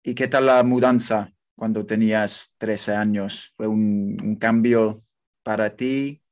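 A man's voice: lowish voice, fairly even intonation, slow, a little mellow. A man interviewing casually, curious and asking lots of short follow-up questions. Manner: curious, asks many short questions, encouraging fillers.

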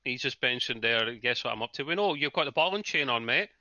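A man's voice: mid-range voice, lively intonation, quick pace, bright, forceful tone, dry recording. A British man bantering as a livestream co-host in a jokey, teasing manner. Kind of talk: casual banter. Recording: slightly dull, lo-fi stream audio.

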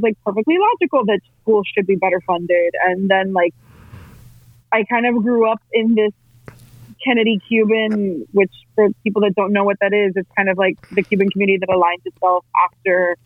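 A woman's voice: mid-range voice, no room sound. A woman on a conference call whose audio breaks up, talking candidly, swearing casually and poking fun at herself. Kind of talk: casual discussion. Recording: tinny call line, dry.

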